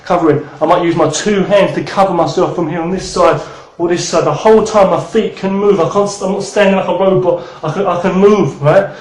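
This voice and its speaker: A man's voice: high voice, fairly even intonation, brisk, darkish tone, reverberant, low-quality recording. A man in his thirties teaching martial arts in a rambling, casual way, swearing and then apologizing. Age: 30s.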